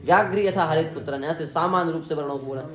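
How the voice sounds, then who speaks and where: A man's voice: a little high, fast, fairly bright tone, echoey room. A man teaching Sanskrit grammar to a class, explaining the sounds and having students say them back to check their pronunciation. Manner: drills students on pronunciation, asks them to repeat. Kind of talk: classroom lesson. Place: indoor classroom.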